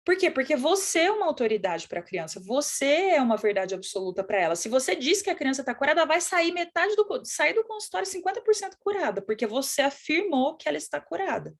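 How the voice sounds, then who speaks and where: A middle-aged woman with a Brazilian accent, teaching in a lively conversational way, often acting out what children and parents say. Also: sits high, quick pace, hardly any pauses. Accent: Brazilian Portuguese. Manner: animated, acts out quoted children and parents. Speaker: course instructor.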